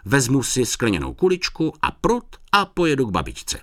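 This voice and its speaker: A man's voice: medium pitch, huge pitch swings, a bit bright, dry recording, studio quality, pitched above the performer's own voice. A man voicing an eager, stubborn little boy in a storybook reading, boastful and insistent. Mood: defiant.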